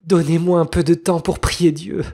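A terrified young wife begs and calls out in a high, strained voice. She drags her words slowly in desperation. A storybook heroine in peril. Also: vocal fry, a bit bright, heavily acted. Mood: pleading. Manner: high falsetto, pleading and crying out. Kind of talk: storybook reading.

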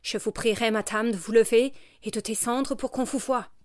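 A woman's voice: mid-range voice, steady tone, moderate pace, no echo, clean studio sound, lightly acted. A woman reading the part of a violent, brusque army commander who gives curt threats. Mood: curt threatening.

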